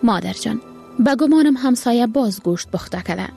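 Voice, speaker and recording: A woman's voice: fairly high pitch, animated, gravelly, dark tone, soft background music, pitched above the performer's own voice. A woman voicing a curious small child asking innocent questions.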